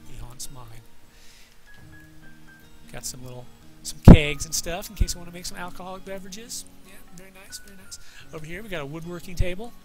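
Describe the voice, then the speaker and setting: Higher-pitched man giving a playful game tour. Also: fairly quick, rough recording. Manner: playful, joking, self-deprecating asides. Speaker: gamer hosting a guided video game tour. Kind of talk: casual improvised gameplay commentary. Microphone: desk microphone, voice-over on game footage. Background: game music.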